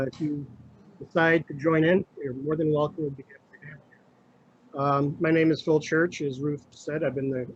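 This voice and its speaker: Give me a middle-aged man on a crackly phone line that fades in and out, halting, with a slightly high voice. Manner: halting, with many filler sounds. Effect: crackly remote phone line, fading in and out. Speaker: county administrator. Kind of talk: formal presentation to a committee.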